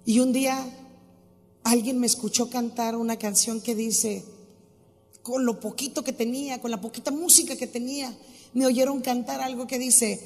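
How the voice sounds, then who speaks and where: Lady preaching her testimony, gravelly voice, big echoey auditorium. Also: a little high, normal speed. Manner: lively storytelling, swings between soft and loud. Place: large church auditorium, live event. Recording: live hall with long reverb.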